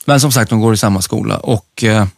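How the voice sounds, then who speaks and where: A man's voice: fairly low pitch, vocal fry, no room sound, clean studio sound. A man co-hosting a casual podcast chat, teasing his friend with frequent restarts. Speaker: podcast co-host.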